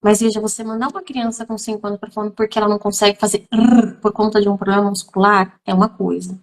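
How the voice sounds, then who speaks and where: A woman's voice: medium pitch, level tone, fast. A woman, a literacy teacher who is also a mother, talking emphatically to viewers in a live stream, full of fillers and direct appeals. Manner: emphatic, addresses audience directly, many fillers.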